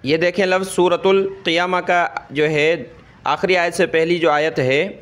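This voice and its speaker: A man with a Pakistani Urdu accent teaching Quran reading, drawing out each syllable slowly and explaining rules quickly in between. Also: fairly high pitch, fairly even intonation, fairly bright tone. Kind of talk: spelling-out recitation lesson.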